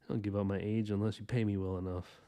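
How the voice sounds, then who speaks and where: A man in his thirties with a low, mellow voice gives a casual drawing tutorial while he sketches. He rambles in a relaxed, chatty way, restarting his sentences as he goes. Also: fast talker, clean tone. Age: 30s. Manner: rambling, loose and chatty, lots of fillers and restarts. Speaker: artist hosting a drawing podcast.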